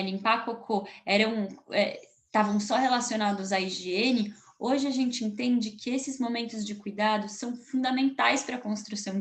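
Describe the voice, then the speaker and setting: A woman with a Brazilian Portuguese accent, a consultant who works with families, explaining baby routines in a casual talk to camera, often ending with a tag question and restarting as she thinks aloud. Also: medium pitch.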